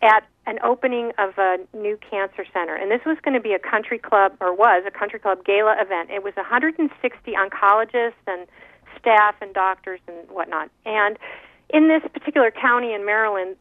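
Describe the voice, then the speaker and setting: A woman calls in to a radio talk show and tells a story in an animated, giggly way, often restarting her sentences. Her voice sits at an ordinary middle pitch. It comes through a thin, tinny phone line with no room sound. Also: fairly quick, dry recording. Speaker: guest speaker. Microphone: phone call.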